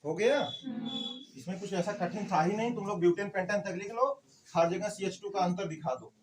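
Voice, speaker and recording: A man's voice: high-pitched, brisk, distant mic, background noise. A man teaching a chemistry class, quizzing the students and answering his own questions. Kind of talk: classroom lecture.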